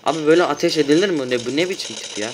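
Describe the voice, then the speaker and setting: A man giving loud, excitable commentary while playing a shooter game at home, often shouting and swearing at his teammates. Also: a little high, racing, a little hiss or hum. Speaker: gaming YouTuber.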